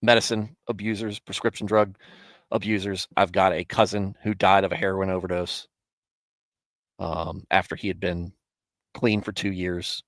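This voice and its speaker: A man with a fairly low voice talks in a loose, rambling way, starting over mid-sentence and chuckling now and then. His thirties show in his tone as he answers viewers on a casual live stream. The sound is dry and close to the mic. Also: little pitch movement, normal speed, no room sound. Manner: rambling, self-correcting, chuckles often. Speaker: streamer hosting a Bible show.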